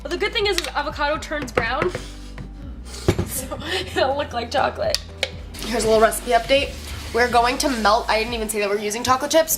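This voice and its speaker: A young woman vlogger chatting casually in her kitchen as she bakes and taste-tests. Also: on the high side. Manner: chatty and rambling, with many fillers and giggles. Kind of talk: casual cooking vlog chat. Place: home kitchen.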